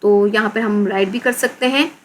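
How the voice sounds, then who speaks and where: A woman's voice: medium pitch, normal speed. A woman teacher with a Pakistani accent explaining an English lesson in Urdu, repeating words and spelling them out letter by letter.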